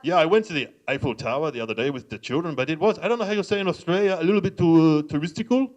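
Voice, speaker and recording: A man's voice: lively intonation, dull audio, close to an everyday voice. A comedian imitating a pompous man with a put-on transatlantic accent. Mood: smug. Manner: pompous, slow, lowered voice.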